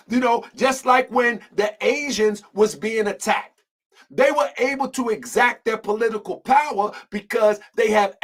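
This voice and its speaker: A man's voice: very high-pitched, a bit bright, low-quality recording. A man hosting an online show, delivering an impassioned commentary monologue full of rhetorical questions and repeated phrases.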